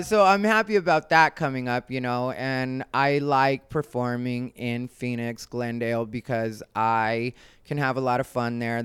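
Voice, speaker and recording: In a relaxed solo vlog, an American man from Arizona who works as a comedian and show host talks in a rambling, conversational way, hitting certain points with emphasis. His voice is medium in pitch, fairly bright, clear and resonant, recorded without echo.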